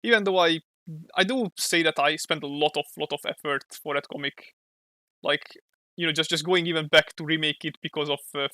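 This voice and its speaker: A man's voice: on the high side, gravelly, bright, forceful tone, no room sound. A young man from Hungary with a Hungarian accent, chatting casually on a livestream while he draws, thinking aloud and sometimes searching for English words. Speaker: streamer and comic artist.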